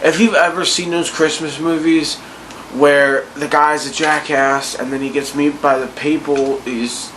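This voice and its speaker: A man's voice: a little high, flat delivery, measured pace, a bit bright, slight background noise, poor audio. A drunk man giving a casual, rambling, profane rant about movies in a loose, incredulous way. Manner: tipsy, loose, incredulous ranting. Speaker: vlogger ranting about bad movies.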